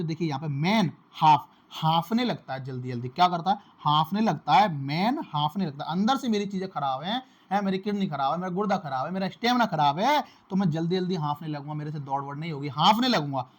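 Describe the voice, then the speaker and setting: A man teaches exam facts through memory tricks. He talks casually, repeats each point several times, and keeps calling his listeners his brothers. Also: sits high. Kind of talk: casual classroom-style lesson.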